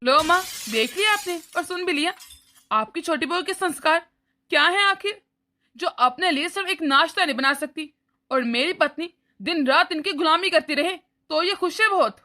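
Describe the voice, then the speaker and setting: A woman's voice: very high voice, lively intonation, moderate pace, pushed and bright, exaggerated voice. A woman voicing an irritable elder son in a cartoon story, complaining and arguing. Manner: complaining, argumentative.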